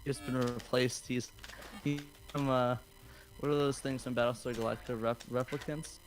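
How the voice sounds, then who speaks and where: A man's voice: medium pitch, level tone, normal speed. A man hosting a game stream, easygoing and bantering as he talks with his co-hosts. Game music sits faintly in the background. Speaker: stream host reading chat. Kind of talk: casual chat.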